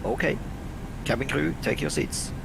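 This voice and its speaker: Calm co-pilot, clipped cockpit callouts, gravelly voice, flight-sim audio, heavy noise behind. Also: male voice, a little high, moderate pace. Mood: brisk. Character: calm male first officer making cockpit callouts. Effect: pilot callouts played through flight-sim audio. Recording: distant game audio under loud noise.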